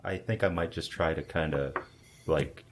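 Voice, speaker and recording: A man's voice: rumbling low, moderate pace, heavy background noise. A man playing a tabletop roleplaying game, talking casually through his moves.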